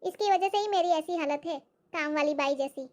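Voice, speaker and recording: A woman performing a comic skit, grumbling to herself in sharp asides. Her voice sits very high. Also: a little fast. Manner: grumbling and exasperated.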